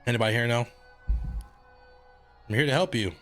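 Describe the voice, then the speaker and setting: A man's voice: mid-range voice, brisk, fairly bright tone, faint music behind. A man streaming a video game, chatting casually, thinking aloud and swearing freely. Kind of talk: casual gaming livestream commentary.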